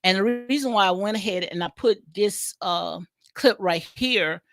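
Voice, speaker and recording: Chatting loosely about a reality show during her livestream, a Southern-accented woman who does commentary vlogs keeps repeating phrases, restarting, and using fillers. She speaks at a moderate pace in a mid-range, slightly bright voice.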